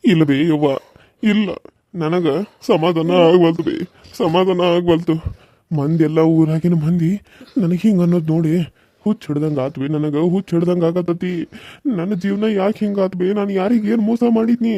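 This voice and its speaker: A man's voice: a little high, fairly even intonation, fairly quick, warm tone, dry recording, highs cut off. A man voicing a heartbroken young village husband in a cartoon serial, speaking North Karnataka Kannada in an anguished, emotional way. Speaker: voice actor.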